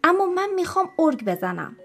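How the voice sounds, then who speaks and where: A woman voicing a stubborn little girl in a storybook, who chants her loud, defiant refusals. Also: mid-range voice, fairly even intonation, faint music behind, close to an everyday voice. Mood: insistent.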